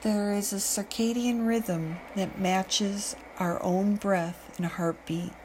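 A woman guiding a meditation, speaking in a calm, soothing way with long pauses. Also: medium pitch, background noise. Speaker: meditation guide. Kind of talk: guided meditation narration.

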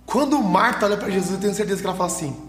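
A man preaching a sermon, animated, acting out voices of Bible characters and asking the listeners questions. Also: high-pitched, very fast, reverberant, faint music behind.

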